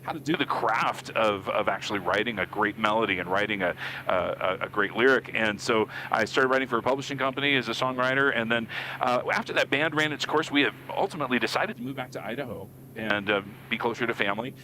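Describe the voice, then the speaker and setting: Bright-voiced man chatting in a cockpit. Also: medium pitch, fast, a little hiss or hum, poor audio. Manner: warm, self-deprecating storyteller. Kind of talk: casual chat. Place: small airplane cockpit.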